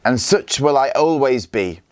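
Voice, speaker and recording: A man voicing a proud, defiant Viking mother, speaking in a lifted, higher voice. Her lines come from a storybook read aloud. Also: very animated, moderate pace, no room sound, clean studio sound, close to an everyday voice. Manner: cold and defiant.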